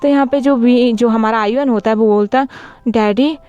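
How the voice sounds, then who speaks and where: A woman's voice: on the high side, steady tone, a little fast, dark tone, smooth, dry recording, dull audio. A woman casually retelling a story in a chatty, rambling way, often correcting herself as she goes.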